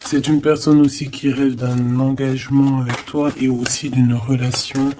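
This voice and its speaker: Over some background noise, a man with a mid-range voice reads tarot casually and off the cuff, keeping a level tone and moderate pace. As host, he addresses the listener familiarly, with halting, repetitive wording and many "hein" tags.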